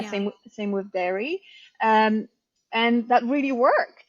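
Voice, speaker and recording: A woman's voice: medium pitch, dry recording, muffled recording. Polish-raised woman telling her story, dry sound. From Poland. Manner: chatty, warm storytelling with frequent ums and light laughs. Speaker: bakery owner and head baker, guest. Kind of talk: casual interview answers.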